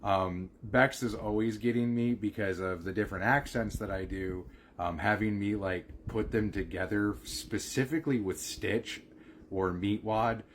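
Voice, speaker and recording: Low-voiced rambling man on a live stream. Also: steady tone, a little slow, slight background noise. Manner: rambling, many ums. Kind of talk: casual chat on a live stream.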